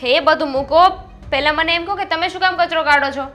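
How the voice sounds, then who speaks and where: A woman's voice: extremely high pitch, a little fast. A woman playing a bossy, quarrelsome sister-in-law. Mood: angry. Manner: scolding, sharp and demanding. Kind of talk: family drama acting.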